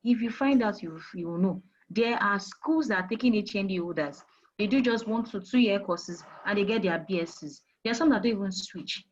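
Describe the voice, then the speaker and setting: The audio is dull, and the woman's medium-pitched voice keeps a normal speed. She's a Nigerian-accented HR manager being interviewed, handing out career advice with emphasis, repeated points and rhetorical questions.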